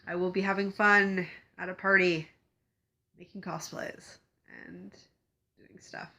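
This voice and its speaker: A woman's voice: lowish voice, flat delivery, a little slow, bright, forceful tone, dull audio. A young woman chatting to camera in a rambling, giggly way, sounding congested from a cold. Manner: rambling, giggly, lots of fillers. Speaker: cosplay vlogger. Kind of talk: casual chat to camera.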